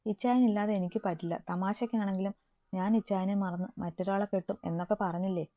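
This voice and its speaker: A woman's voice: mid-range voice, fairly even intonation, brisk, no room sound, close to an everyday voice. A woman reading a shy young woman in love. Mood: tender. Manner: soft, shy.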